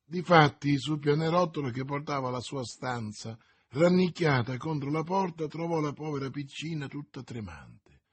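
Husky male audiobook narrator. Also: fairly high pitch, moderate pace. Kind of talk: audiobook reading.

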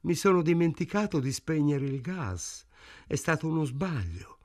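A man's voice: a little high, big pitch swings, moderate pace, no room sound, clean studio sound, voice pushed up. A man reading a novel aloud, voicing a groggy, mumbling older shopkeeper.

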